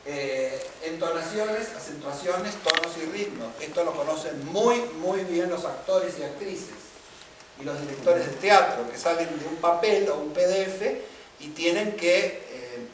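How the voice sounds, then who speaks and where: A man's voice: on the high side, a little slow, noisy background. A man from Argentina giving a seminar lecture on music, explaining points and checking that listeners follow. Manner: explanatory, asks listeners for agreement. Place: lecture room. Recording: echoey room, mic far off.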